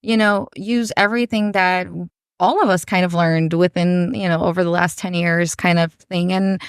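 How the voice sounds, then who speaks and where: A woman in her thirties from Brazil talks through her story as a podcast guest, rambling warmly with plenty of fillers. Her voice is fairly low and clear and smooth, recorded dry and close. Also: steady tone, normal speed, no echo. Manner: rambling, warm, full of "you know" fillers. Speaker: podcast guest, business owner. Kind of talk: casual interview chat.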